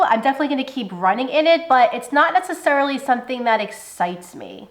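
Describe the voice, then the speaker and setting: A woman's voice: mid-range voice, echoey room. A woman giving a candid, sassy review of running shoes in a casual vlog. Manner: candid, sassy, talks with her hands.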